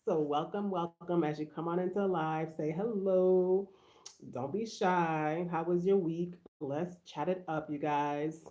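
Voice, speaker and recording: A woman's voice: lowish voice, steady tone, unhurried, mellow. A woman from Haiti hosting a casual live stream, greeting viewers and answering their comments aloud in a chatty way. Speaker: livestream host.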